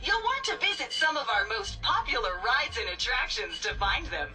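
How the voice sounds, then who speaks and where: A woman's voice: fairly high pitch, big pitch swings, moderate pace, sharp tone, far from the mic, faint music behind, exaggerated voice. A woman voicing a cheerful female theme-park robot guide in a video game, with a malfunctioning machine voice and chipper, salesy greetings.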